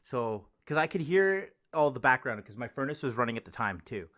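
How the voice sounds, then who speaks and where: A man's voice: medium pitch, sing-song, a little fast, a bit bright. A man, rambling offhand and crude as he demonstrates a homemade microphone cover in his living room. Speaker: vlogger testing gear. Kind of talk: casual home demo. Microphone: close desk microphone with homemade foam cover.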